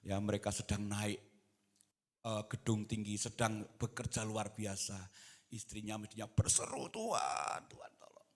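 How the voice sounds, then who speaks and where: A man preaching a sermon in church, moving between quiet talk and loud, impassioned exhortation. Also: fairly low pitch, monotone, normal speed. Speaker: pastor. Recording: reverberant church hall.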